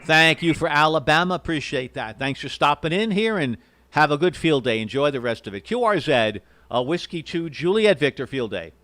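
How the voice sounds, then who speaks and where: A man's voice: fairly high pitch, animated, moderate pace, fairly bright tone. A courteous, hesitant man operating an amateur radio station, spelling out call signs in phonetics.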